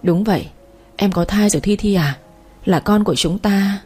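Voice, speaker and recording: A woman voicing a gentle, caring young husband in a romance audiobook, with a soft, soothing delivery. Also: mid-range voice, normal speed, husky, soft background music, close to an everyday voice. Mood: tender.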